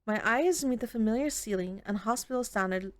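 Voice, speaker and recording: In a dry recording, a woman with a voice on the high side reads a visual novel fairly quickly as she plays. Her expressive narration gives way to exclaiming, offhand reactions that include casual swearing.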